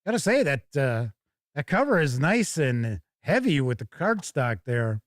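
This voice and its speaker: Hosting a tabletop gaming show, a man chats casually and thinks aloud while giving live first-look commentary. His voice is medium in pitch, sing-song and measured in pace, captured in a dry, studio-quality recording.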